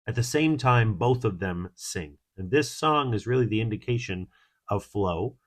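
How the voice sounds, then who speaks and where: A man with a low voice offers a thoughtful Torah commentary on his own. He moves steadily through the ideas, dropping Hebrew and Kabbalistic terms with ease, and lifts his voice abruptly for emphasis now and then. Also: expressive, normal speed. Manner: reflective, with sudden emphatic rises. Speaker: Torah teacher.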